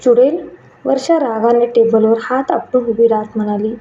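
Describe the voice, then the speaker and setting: A woman's voice: on the high side, steady tone, normal speed, warm tone, slight background noise. A woman reading a scripted story aloud, giving each character a lightly shifted voice. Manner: reads dialogue lines in lightly shifted voices. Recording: muffled and echoey room.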